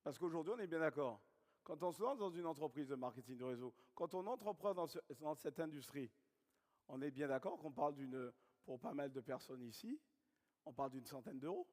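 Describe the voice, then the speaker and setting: A high-voiced man with a Guadeloupean accent leads a sales training seminar. He drives his points home by repeating them and firing questions at the audience. His voice rings out with the long reverb of a large hall. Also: animated, a little fast, a little mellow. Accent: Guadeloupean French. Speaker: network marketing trainer.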